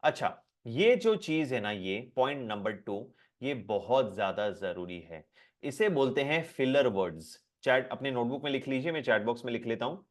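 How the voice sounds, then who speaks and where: A man teaching a live online class. He speaks in a lively, repetitive way and keeps asking the class questions to check that they follow. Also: medium pitch, normal speed.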